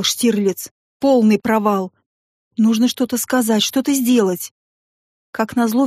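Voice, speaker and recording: An audiobook narrator tells a first-person story with wry, ironic liveliness. Her voice is a little higher than most, with a darkish tone. The recording is dry and close-miked, with no room sound.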